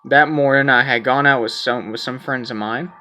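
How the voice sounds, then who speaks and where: A man's voice: mid-range voice, steady tone, normal speed, pushed and bright, faint music behind. A man playing a story game, reading its text aloud in a casual way, often repeating words, and chatting between the lines. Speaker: gameplay streamer.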